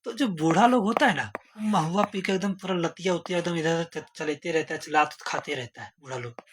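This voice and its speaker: A man's voice: fairly high pitch, fairly quick. A man teaching an exam-prep lesson, asking rhetorical questions and using playful memory tricks. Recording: noisy recording. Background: steady background noise.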